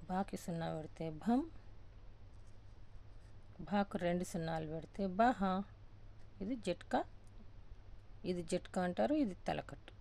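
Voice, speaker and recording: A woman teaching the alphabet, reciting each syllable slowly and deliberately and repeating sounds patiently for learners. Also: lowish voice, vocal fry, a little mellow. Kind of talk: step-by-step Telugu alphabet lesson.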